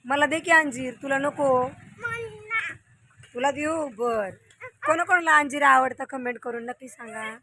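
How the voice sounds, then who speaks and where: A woman's voice: high voice, unhurried, long pauses, bright, forceful tone. A young woman vlogging outdoors on a farm, chatting straight to viewers as she walks with a handheld phone. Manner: chatty, talks straight to viewers while walking. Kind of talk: casual vlog walkthrough. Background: faint wind and outdoor noise.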